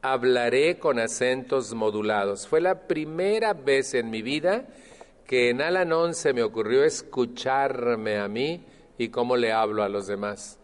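A man speaking to a support group, animated and acting out others' voices. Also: mid-range voice, unhurried. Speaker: Al-Anon speaker. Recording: long hall reverb.

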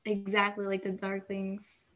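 A woman's voice: mid-range voice, completely flat delivery, a little slow, a bit bright, low-quality recording. Woman podcast co-host, musing and rambly. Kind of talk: casual chat.

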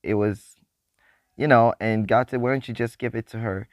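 A seventeen-year-old with a newly deepened voice chats happily in a faith vlog, excited and rambling, with frequent restarts and laughs. He speaks at a moderate pace, and the recording is dry with clean studio sound.

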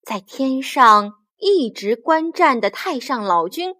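A woman's voice: high voice, expressive, slow pace, pushed and bright. A woman narrating a children's story playfully, with sound effects and exclamations.

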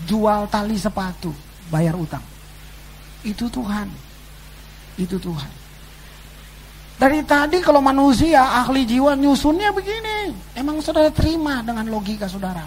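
A man preaching a sermon to his congregation, swinging between loud exclamations and quiet asides. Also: very high-pitched, animated, moderate pace, pauses often, rough recording. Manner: addresses the congregation as "saudara". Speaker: pastor. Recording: faint background noise and hum.

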